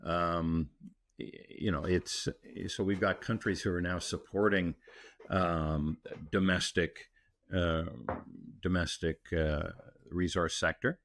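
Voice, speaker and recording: A man with a very low voice answers interview questions in a relaxed, halting way. He restarts phrases often and fills pauses with "um" and "you know". The sound is dry, with no room around it. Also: no room sound. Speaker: mining company executive guest. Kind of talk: casual interview talk.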